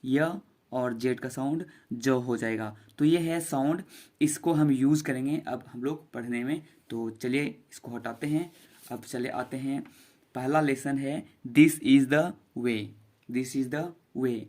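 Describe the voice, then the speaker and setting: A man's voice: mid-range voice, a little slow, darkish tone. A man teaching a beginner English phonics lesson, patiently repeating each sound.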